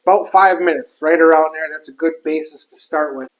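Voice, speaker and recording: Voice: medium pitch, fairly quick, low-quality recording. A cook giving a casual, chatty cooking demonstration while working a griddle, with food sizzling and utensils clinking behind.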